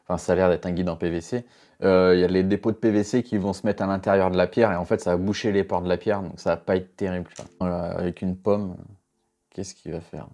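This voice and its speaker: Low mellow-voiced man reacting bluntly. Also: steady tone, quick pace. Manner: blunt, exasperated, swears and laughs often. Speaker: knife sharpener. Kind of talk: casual reaction commentary.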